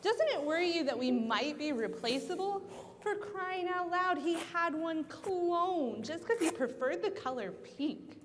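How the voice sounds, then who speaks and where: A woman's voice: very high-pitched, animated, a little slow. A woman acting a sardonic, defiant henchwoman of a villain. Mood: exasperated. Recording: echoey hall.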